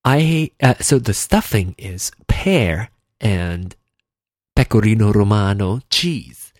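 Slow, expressive and a little mellow, the fairly low voice belongs to a Malaysian-born man in his thirties hosting a casual podcast alone. He tends to ramble, correct himself and lean on fillers. The audio is dry and studio quality, captured via a desk mic with in-ear headphones.

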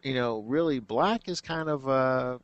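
A man's voice: mid-range voice, measured pace, dry recording, lo-fi sound. A man speaking as a guest on a talk show. He is thoughtful and hesitant, with frequent "um"s. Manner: thoughtful, hesitant, many fillers. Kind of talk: casual radio talk.

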